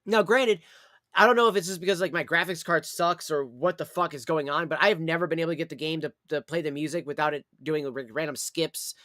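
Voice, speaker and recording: A man's voice: on the high side, fairly even intonation, brisk, sharp tone, no echo, clean studio sound. A man chatting casually on a livestream in a rambling, repetitive way, with some swearing. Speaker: live streamer.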